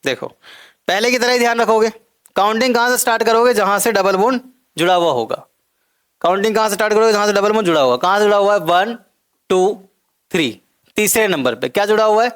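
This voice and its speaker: A man's voice: high voice, fast talker, a bit bright, clear, resonant tone. A man teaching a chemistry lecture, explaining step by step, repeating key terms and quizzing his students. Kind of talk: recorded classroom lecture.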